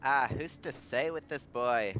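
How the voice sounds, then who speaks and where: A man's voice: medium pitch, a little slow, a bit bright, slight background noise, natural voice. A man voicing an elderly, grandmotherly innkeeper woman with an old-timey folksy drawl. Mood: musing.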